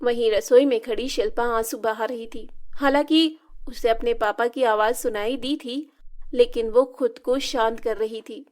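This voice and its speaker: A woman narrating a moral story in a plain, steady scripted telling. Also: a little high, unhurried.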